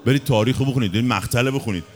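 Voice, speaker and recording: Impassioned male mourning preacher. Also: mid-range voice. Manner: impassioned, half-chanted lament. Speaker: religious eulogist. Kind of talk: mourning sermon recital. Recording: music playing underneath.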